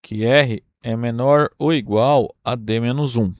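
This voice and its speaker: A Brazilian university math lecturer works through a number theory proof step by step at an unhurried pace, often pausing to check his listeners are following with "tá?" and "né?". He has a Brazilian Portuguese accent and an ordinary middle-pitched, darkish voice. The recording is dry and close with no room sound.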